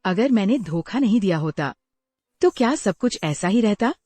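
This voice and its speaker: A woman's voice: mid-range voice, animated, moderate pace, warm tone, dry recording, close to an everyday voice. A woman voicing a remorseful imprisoned ex-wife in a dubbed drama, speaking in an emotional, pleading way. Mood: regretful.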